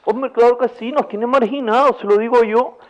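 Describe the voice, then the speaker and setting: Aggrieved island caller voiced by a man, heard over the phone: shrill, fast-talking, keeps hammering the same complaint. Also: fairly even intonation. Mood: indignant. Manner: complaining, repeats himself, fast and pushy. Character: indignant middle-aged male island caller, aggrieved and insistent. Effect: caller heard over the phone line. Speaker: radio show caller.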